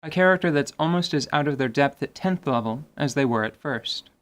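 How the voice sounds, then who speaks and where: This podcast host speaks in a brisk, expressive voice pitched on the high side. His tabletop gaming commentary is semi-scripted and wordy yet articulate, sprinkled with wry, playful remarks.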